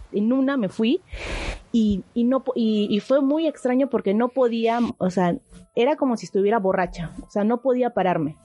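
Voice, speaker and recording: Young woman, mid-pitched and mellow, casual storyteller who rambles and restarts, over a faint music bed. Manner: rambling and vivid, full of fillers and restarts.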